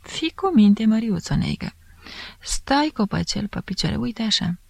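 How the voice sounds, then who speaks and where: A woman voicing a smug, flirtatious middle-aged police chief who coaxes and drops into hushed asides. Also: medium pitch, lively intonation, gravelly, breathy edge, dry recording, voice pushed up. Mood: coaxing. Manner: sly coaxing, slipping into hushed asides.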